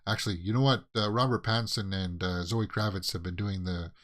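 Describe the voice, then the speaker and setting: A man's voice: low voice, steady tone, a little fast, fairly bright tone. A Canadian man hosting a casual movie news show, rambling through headlines with plenty of fillers and restarts. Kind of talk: casual solo commentary.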